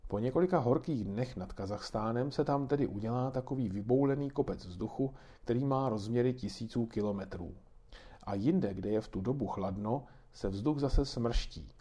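A man calmly reading a children's story aloud as narrator. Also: mid-range voice, breathy edge.

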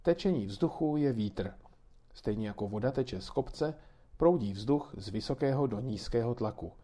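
Muž hrající laskavou babičku, trpělivě vysvětluje dětem, tlumený hlas, pohádková kniha. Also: male voice, medium pitch, lively intonation, natural voice. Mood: patiently explaining. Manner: patient, gently explaining. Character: kindly grandmother explaining weather to children.

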